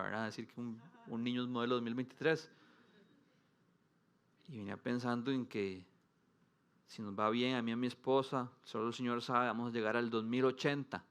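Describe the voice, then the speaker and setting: A man's voice: mid-range voice, fairly bright tone, clean tone. A man in his thirties with a Costa Rican accent, preaching a sermon as pastor in a conversational, humorous way that swells with emphasis.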